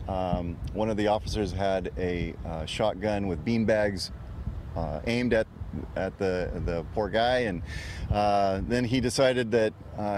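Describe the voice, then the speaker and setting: An American man giving a halting, plain-spoken eyewitness account in a live street interview outdoors. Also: lowish voice, darkish tone. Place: outdoors in a parking lot. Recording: outdoor ambience, faint street noise.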